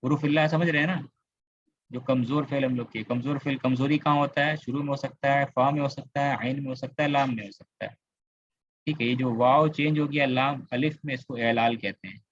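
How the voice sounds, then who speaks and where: A man's voice: medium pitch, steady tone, fairly quick, no room sound, muffled recording. Kolkata-accented man teaching an online class. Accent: Indian, Kolkata. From India. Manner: explanatory, repeats words, asks students questions. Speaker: Arabic grammar teacher. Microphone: computer mic on a video call.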